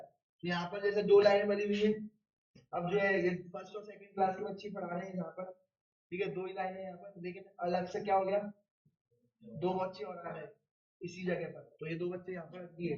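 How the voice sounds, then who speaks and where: High-voiced male teacher in a roomy space. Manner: asks the class questions and answers them himself; casual, uses everyday classroom examples. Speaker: biology teacher. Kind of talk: classroom lecture. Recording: roomy, distant and dull-toned.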